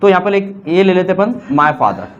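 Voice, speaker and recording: High-voiced man teaching grammar. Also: very animated, normal speed, lo-fi sound. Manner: mixes Hindi with English examples, quizzes students with questions. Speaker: English teacher. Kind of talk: classroom grammar lecture.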